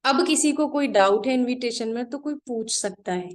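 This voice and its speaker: Woman trainer giving direct step-by-step instructions. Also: on the high side. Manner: direct, repeats points slowly for note-taking. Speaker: trainer teaching an online class. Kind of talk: live online class, instructing.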